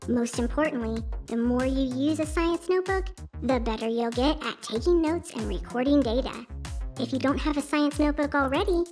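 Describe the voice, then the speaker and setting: A woman as a high-voiced studious cartoon helper. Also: normal speed, a little mellow, soft background music, natural voice. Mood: helpful, instructive. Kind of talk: scripted educational narration.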